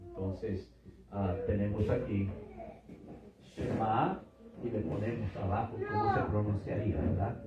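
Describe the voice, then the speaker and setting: A man's voice: on the low side, fairly even intonation, measured pace, heavy background noise. A middle-aged man teaching a church seminar, patiently repeating words and checking in with his listeners. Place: church hall with audience. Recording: echoey hall from far off, dull.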